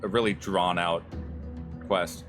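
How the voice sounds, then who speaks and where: Deep-voiced streamer rambling over music. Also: male voice, steady tone, takes it slowly. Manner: rambling, filler-heavy. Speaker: streamer playing a game. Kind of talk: casual gameplay commentary. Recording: commentary over loud game music.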